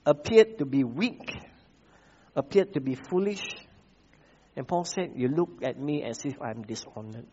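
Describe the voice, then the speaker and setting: Malaysian pastor preaching a measured sermon. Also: male voice, a little high, dull audio. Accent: Malaysian English. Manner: measured preaching, repeats key phrases, frequent "uh" fillers.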